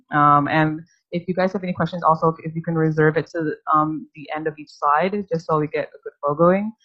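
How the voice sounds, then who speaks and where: A woman's voice: fairly low pitch, fairly bright tone, lo-fi sound. A woman organizer casually introducing a speaker and giving housekeeping notes, hesitating with fillers. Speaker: event organizer.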